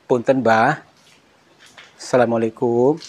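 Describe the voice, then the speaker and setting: A man on a cave exploration vlog, talking in a hushed, nervous way and muttering prayers. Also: mid-range voice, steady tone, slow pace, slight background noise.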